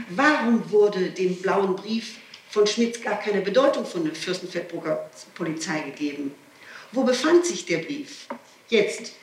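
On an old, hissy archive tape recorded in an echoing room, a woman being questioned by police sounds distant as she makes a spontaneous statement. Her medium-pitched voice is insistent and agitated, and she fires off rhetorical questions. She digresses, breaking off sentences and restarting them as she presses her points.

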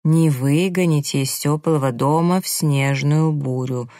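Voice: medium pitch, dark tone, dry recording, studio quality, close to an everyday voice. A reader voicing a condescending man who coaxes his secretary in an audiobook. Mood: scolding. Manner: coaxing, slow, smirking. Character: male employer, smooth seducer, condescending. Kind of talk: audiobook character reading.

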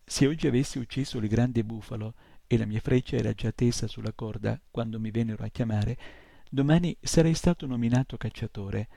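A man's voice: mid-range voice, brisk, creaky, mellow, no echo. A man voicing a proud ten-year-old boy hunter who speaks curtly, in an audiobook reading. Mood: resentful.

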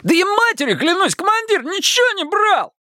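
A man voicing a defiant bald petty thief who squeals and shouts crude slang in a high voice. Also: big pitch swings, a little fast, no room sound, studio quality, full character voice. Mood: shrill protest.

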